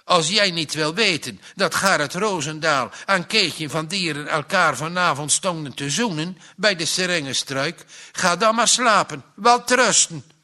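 A woman's voice: medium pitch, animated, takes it slowly, bright, forceful tone, pitched above the performer's own voice, full character voice. A man reading a storybook, voicing a nosy farm wife bursting with gossip. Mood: eager gossip. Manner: eager, indignant.

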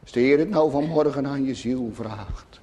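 A man preaching a sermon to his congregation, solemn and emphatic, often dropping to hushed tones. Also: medium pitch, normal speed, a little hiss or hum. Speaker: pastor. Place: church. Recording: long church reverb.

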